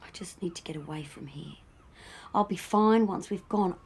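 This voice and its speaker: A woman's voice: on the high side, animated, moderate pace, husky. An actress playing a tired, irritable woman with a headache who speaks curtly and sometimes sinks to a whisper. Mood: weary. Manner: curt, drops to a weary whisper. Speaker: bride-to-be.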